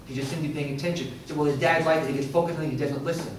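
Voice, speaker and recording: A middle-aged man presents a workshop to a live audience, speaking interactively and asking the room questions. His voice is on the high side with fairly even intonation, and he talks very fast. The recording comes from far off in an echoey classroom or lecture room, with faint noise.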